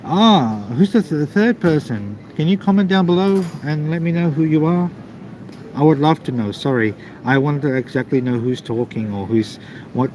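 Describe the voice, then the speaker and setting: A man casually chatting to live stream viewers in a halting, repetitive way. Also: on the high side, a little mellow. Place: busy airport waiting area. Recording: noisy airport background ambience.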